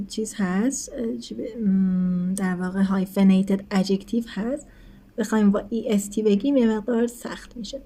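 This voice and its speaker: A woman teacher explaining English grammar in a recorded lesson, speaking quickly in her explanations and slowing right down for English examples, often checking in with her students. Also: mid-range voice, warm tone, a little hiss or hum. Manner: switches between quick explanations and slow, deliberate English examples; addresses students as kids, asks rhetorical checks.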